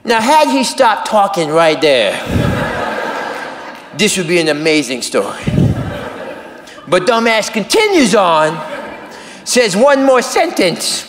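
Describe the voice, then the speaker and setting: A man telling a self-mocking story on stage as a stand-up comedian, animated and acting out voices. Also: high voice, slow, pauses often, slight background noise. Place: comedy stage before a crowd. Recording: roomy live venue with audience.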